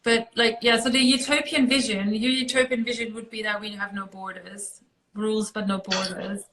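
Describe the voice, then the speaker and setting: A woman's voice: medium pitch, level tone, moderate pace, background noise. A woman from Austria speaks English with an Austrian German accent. She is hosting a casual interview. She talks in a loose, chatty way, piling up little fillers as she goes. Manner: chatty, heavy with fillers like "like" and "you know". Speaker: host.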